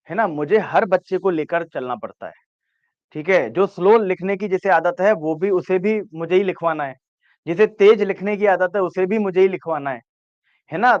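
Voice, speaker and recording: Male teacher, dictating notes, repeats each phrase, fairly high voice, dull dry recording. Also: no echo. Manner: repeats each phrase slowly for note-taking; coaxing, checks understanding with "है ना?". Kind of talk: dictating a law lesson to students.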